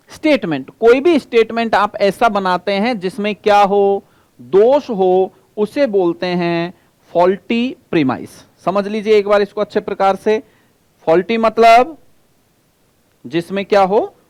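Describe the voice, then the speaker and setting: A male teacher giving an exam-prep lecture, explaining by repeating points, asking the class questions and drawing key terms out slowly. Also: high voice, animated, darkish tone, no room sound.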